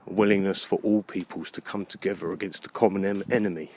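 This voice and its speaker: His deep, darkish voice keeps a fairly even intonation as he wanders through a park, thinking aloud about books in a rambling vlog. He's musing and halting, with pauses between phrases, and clear background noise fills the outdoor recording.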